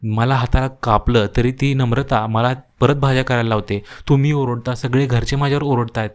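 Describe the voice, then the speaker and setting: A man's voice: mid-range voice, fairly even intonation, fairly quick, clean tone, natural voice. A man voicing a fed-up young daughter-in-law in a cartoon story, exasperated and repeating herself. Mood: exasperated outburst.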